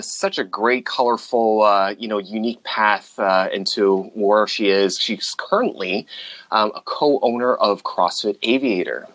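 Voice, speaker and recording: A man's voice: fairly low pitch, fairly bright tone, no room sound. A man hosting a podcast interview, upbeat and loose, with plenty of fillers as he introduces and questions his guest. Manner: upbeat, lots of fillers like "you know". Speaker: podcast host. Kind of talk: casual interview.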